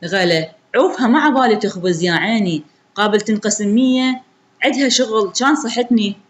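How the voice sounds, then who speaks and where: A woman's voice: on the high side, brisk, dull audio, close to an everyday voice. A woman with an Iraqi accent voicing a young second wife who talks in a coaxing, dismissive way in an Iraqi story.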